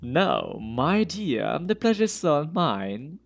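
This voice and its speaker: A man voicing a charming, flirtatious demon-like male ship doctor in a game, with grandly courteous, flattering speech. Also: a little high, slow pace, creaky, faint music behind, full character voice.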